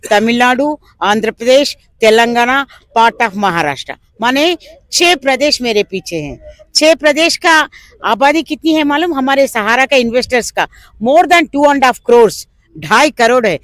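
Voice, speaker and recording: A woman's voice: sits high, no echo. A woman from South India leading a protest, speaking fervently in an interview at an outdoor demonstration. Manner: fervent, rises to shouting slogans. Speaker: protest leader. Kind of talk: impassioned protest speech.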